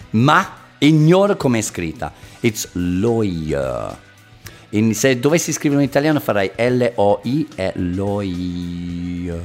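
A man hosting a casual podcast lesson, playful and jokey, slipping between languages. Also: low voice. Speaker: podcast host, English teacher. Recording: faint guitar music behind.

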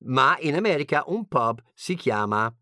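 A man's voice: medium pitch, big pitch swings, a little slow, bright, forceful tone, no echo, clean studio sound. A man from England with an English accent and English as his first language, giving a playful, joking language lesson as a teacher. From England (Birmingham).

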